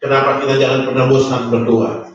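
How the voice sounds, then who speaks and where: Pastor preaching in an echoey church. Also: male voice, mid-range voice, level tone, brisk. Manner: repetitive, emphatic preaching with "Haleluya" and "saudara". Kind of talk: sermon. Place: church hall. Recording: echoey church hall, distant mic, dull.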